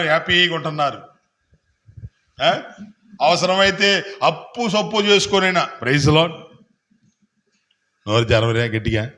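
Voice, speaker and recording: A man preaching as a pastor, questioning the congregation and building to loud calls for hallelujah. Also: high-pitched. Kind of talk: sermon.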